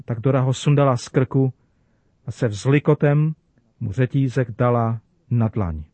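A man preaching to children, telling a story in a gentle, measured way. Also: medium pitch, dry recording.

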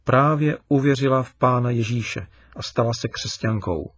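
A man's voice: medium pitch, no room sound, far from the mic, natural voice. A man voicing an upset young girl. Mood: aggrieved. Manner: raised, emphatic and complaining.

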